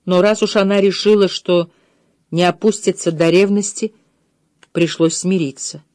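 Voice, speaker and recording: A woman's voice: on the low side, steady tone, measured pace, darkish tone, no room sound, clean studio sound. Woman narrating a mystery audiobook. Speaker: audiobook reader. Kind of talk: scripted narration.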